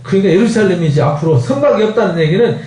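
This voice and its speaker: A male pastor giving a lively Bible lecture, acting out dialogue with laughs and rhetorical questions. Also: high-pitched, racing. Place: church hall. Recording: echoey hall, voice from a distance.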